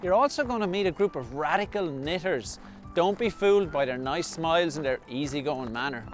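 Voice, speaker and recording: A man's voice: a little high, lively intonation, fairly quick, soft background music. A man with an Irish accent, narrating a vlog as its host.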